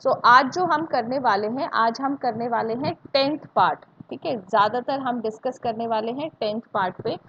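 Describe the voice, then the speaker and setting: Indian woman, maths teacher, slightly high voice, repeats and quizzes, dull lo-fi mic. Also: moderate pace, few pauses, a bit bright. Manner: repeats points and asks students check questions, mixing Hindi and English. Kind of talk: live online class teaching. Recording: dull lo-fi audio with faint hiss.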